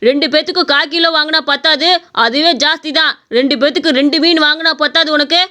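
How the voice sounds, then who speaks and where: A woman's voice: high-pitched, fairly even intonation, quick pace, sharp tone. Woman voicing a stingy scolding husband. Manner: scolding, penny-pinching. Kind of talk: animated storybook voice acting.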